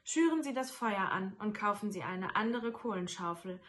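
A woman's voice: mid-range voice, lively intonation, moderate pace, a bit bright, a little hiss or hum, close to an everyday voice. A woman voicing an elderly male merchant, mock-stern with his clerk and then earnest and hearty, in a storybook reading.

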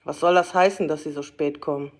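Woman reader doing an elderly male merchant for an audiobook, mock-gruff turning earnest, lower register. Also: steady tone, brisk, close to an everyday voice.

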